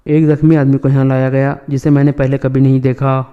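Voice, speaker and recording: A man reading the lines of a defiant young woman questioning her brother, in a flat, even voice. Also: mid-range voice, smooth, phone-quality sound, close to an everyday voice.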